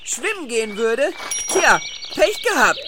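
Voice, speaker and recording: A woman voicing an excitable, prim young boy who is easily frightened, in an audio drama. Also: a little high, measured pace, heavy background noise. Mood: smug, teasing.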